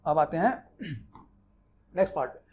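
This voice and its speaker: A man's voice: on the high side, animated, normal speed, darkish tone, slight background noise. A man teaching chemistry, explaining naming rules in a conversational way and repeating the key points for students. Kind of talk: explaining IUPAC naming in a Hindi-English mix.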